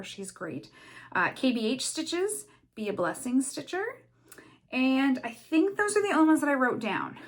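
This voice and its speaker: A woman from Canada chatting casually in a craft vlog, talking fast and rambling with many fillers and restarts. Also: high-pitched. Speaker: cross stitch vlogger.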